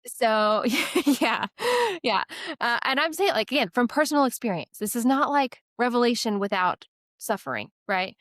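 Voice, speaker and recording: A woman's voice: a little high, animated, fairly bright tone, dry recording, studio quality. A young adult woman talking earnestly about faith in a casual podcast chat, full of "like" and "right?". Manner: earnest, many "like" and "right?" fillers, quick asides.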